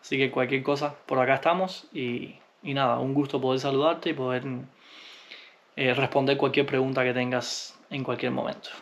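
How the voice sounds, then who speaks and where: Man, vlogger, easygoing, halting with fillers, mid-pitched voice. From Cuba. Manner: relaxed, unhurried, with frequent hesitations. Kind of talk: answering viewer comments.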